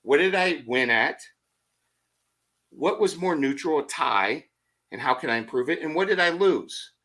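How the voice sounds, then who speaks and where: Middle-aged guy on a motivational podcast, bright punchy voice, kinda high, keeps asking rhetorical questions and acting out his own thoughts. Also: unhurried. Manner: energetic storyteller with rhetorical questions; acts out his own thoughts in quoted asides. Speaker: podcast guest.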